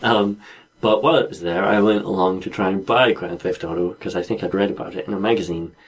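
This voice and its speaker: Low-voiced man telling stories. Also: fast talker, breathy edge, poor audio. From Scotland. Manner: thoughtful, storytelling, light laughs. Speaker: podcast co-host. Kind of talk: casual podcast chat.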